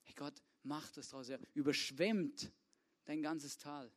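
A man's voice: fairly high pitch, fairly even intonation, slow pace. A young man preaching a casual youth sermon, full of slang and often asking the listeners to agree. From Swabia, Germany. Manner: casual, informal, keeps asking "oder?".

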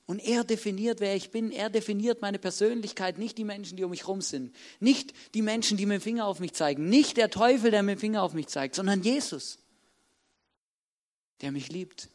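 A man's voice: high-pitched, fairly quick, a little mellow. A man preaching an informal sermon, talking straight to the congregation and acting out quotes in a chatty, direct way. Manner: casual, direct, addresses listeners as "du", acts out quotes. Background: music playing under the speech.

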